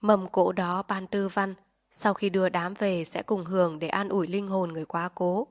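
A woman narrating an audiobook in a calm, measured storytelling voice. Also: fairly low pitch, dry recording, clean studio sound. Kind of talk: audiobook reading.

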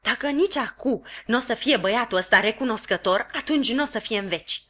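A woman voicing a sharp-tongued, scolding village housewife who snaps and shouts her lines. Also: on the high side, lively intonation.

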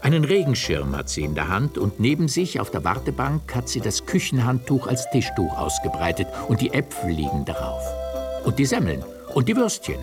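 A man narrating a children's radio story in an expressive storytelling manner. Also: medium pitch, moderate pace, over music.

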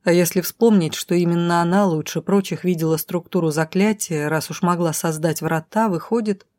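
A woman voicing a possessive dark elf lord. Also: steady tone, moderate pace, no echo, natural voice. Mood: brooding. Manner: low, clipped, hissing through teeth.

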